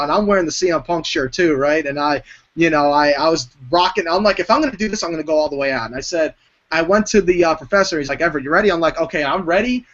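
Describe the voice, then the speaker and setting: A man hosting a podcast, chatting casually and telling animated stories with plenty of swearing. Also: fairly high pitch. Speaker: podcast host. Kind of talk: casual chat. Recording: dull lo-fi sound.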